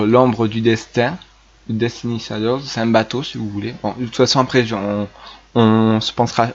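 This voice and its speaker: Guy rambling through toy news, lots of ums and restarts, kinda muffled lo-fi mic. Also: mid-range voice. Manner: hesitant, many filler sounds and restarts. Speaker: YouTuber presenting toy news. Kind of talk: casual unscripted video chat.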